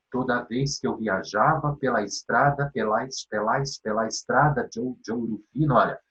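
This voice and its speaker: Brazilian male literature teacher, very animated delivery, slightly dull lo-fi recording, rhetorical questions, counts syllables aloud. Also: mid-range voice. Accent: Brazilian Portuguese. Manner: animated, asks and answers his own questions, checks in with "tá bem?"; counts poetic syllables aloud, half-singing the verses. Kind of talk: exam-prep literature lesson.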